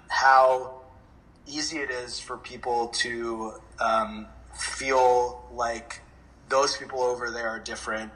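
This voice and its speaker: An earnest man with a bright, mid-range voice, born in America to Indian parents and raised in several countries, speaks candidly but hesitantly, frequently clearing his throat. He's a dance music producer being interviewed in a reflective conversation. The recording is rough.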